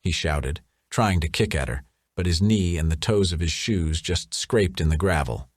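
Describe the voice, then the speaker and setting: A man reading a thriller audiobook in a measured, even scripted narration. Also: low voice, no echo, clean studio sound.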